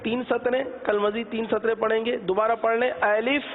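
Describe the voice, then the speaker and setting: A man teaching a religious lesson on how to pronounce letters, explaining patiently and drawing out each sound slowly. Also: very high-pitched, level tone, in a large hall, phone-quality sound. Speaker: Quran recitation teacher.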